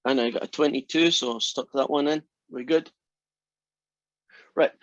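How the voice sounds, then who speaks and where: A man in his sixties teaches math online in a medium-pitched voice with a steady tone and normal speed. He keeps things friendly and chatty, frequently checking in with "right?" Heard through a computer mic on a video call, the audio is dry, dull and lo-fi, with no room sound.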